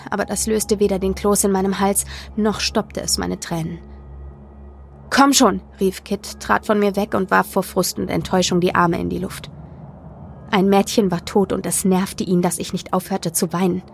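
A woman reading a first-person story aloud as audiobook narrator, in a measured, dramatic way. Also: mid-range voice, level tone, gravelly, soft background music.

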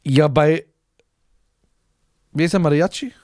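A man's voice: on the high side, takes it slowly, a little mellow, dry recording, clean studio sound. A man co-hosting a casual chat podcast, teasing his partner in playful banter. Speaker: podcast co-host.

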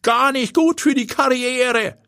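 A slow, lecturing old grandpa. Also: male voice, very high voice, bright, forceful tone, pitched above the performer's own voice, exaggerated voice. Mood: fatherly. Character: elderly grandfather, lecturing, dry and knowing.

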